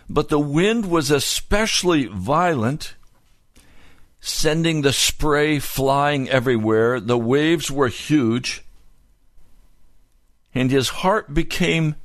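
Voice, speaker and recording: Slow, deliberate male pastor preaching. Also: on the high side, no room sound, studio quality. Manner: slow, deliberate, explanatory storytelling. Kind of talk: sermon.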